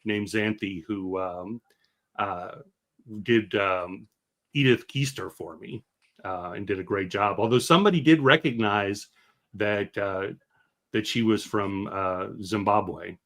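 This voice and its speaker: An American man in his fifties, a filmmaker hosting a launch chat, talking haltingly with many fillers and restarts. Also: on the low side, fairly bright tone. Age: 50s. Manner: hesitant, full of fillers and restarts. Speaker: filmmaker and host. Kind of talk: casual chat.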